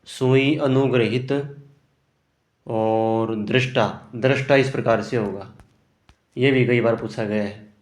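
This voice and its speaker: A man's voice: medium pitch, fairly even intonation, slow pace, pauses often. A man teaching Hindi grammar for an exam, working through answer options and often checking "ठीक है ना". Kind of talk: exam prep lesson. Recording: roomy echo.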